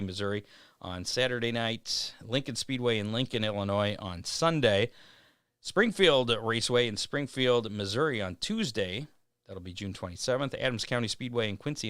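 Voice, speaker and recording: A man hosting a racing show, reading event schedules in a casual way with many "uh" pauses. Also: on the low side, a bit bright, no echo, clean studio sound. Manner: reads schedules with frequent "uh" pauses. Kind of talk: casual racing news rundown.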